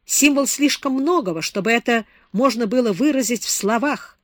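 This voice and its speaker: A woman doing a soft-spoken, suave man. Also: a little high, normal speed, dry recording, clean studio sound, voice pushed up, natural voice. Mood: tender. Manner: soft, persuasive. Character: suave, melancholy man, flattering and elitist.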